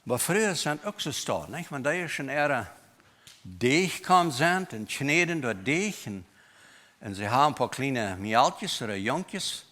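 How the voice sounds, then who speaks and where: A man preaching a sermon in a church, with a Low German accent, mixing German and English words into his talk in an emphatic way. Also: sing-song, slow pace, pushed and bright. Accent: Mennonite Low German.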